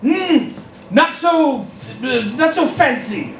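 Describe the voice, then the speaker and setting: An excitable man playing a rogue, very high and lively. He sounds distant in a roomy hall. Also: takes it slowly, slight background noise. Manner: bossy, excitable. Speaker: player as a rogue. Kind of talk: improvised live role-play. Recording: roomy live theatre sound from far off.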